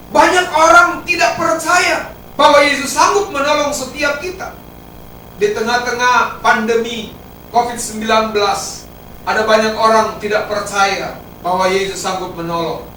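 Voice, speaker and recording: A man, preaching a sermon as pastor, emphatic, with sudden rises and drops in pitch and volume. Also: bright, forceful tone, slight background noise. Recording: roomy echo, heard from a distance.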